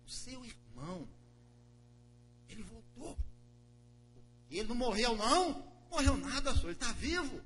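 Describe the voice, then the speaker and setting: An excited farm servant , played by a man, reporting eagerly in a raised, lively voice. The sermon recording carries a faint hum behind him. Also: extremely high pitch, normal speed, long pauses, pitched above the performer's own voice, heavily acted.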